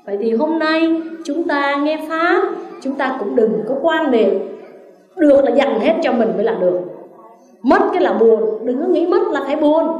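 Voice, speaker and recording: A woman's voice: high voice, moderate pace. A woman with a Southern Vietnamese accent giving a Buddhist dharma talk as a nun, telling stories and asking her listeners questions. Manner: storytelling, asks listeners questions, lively shifts. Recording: roomy, distant mic.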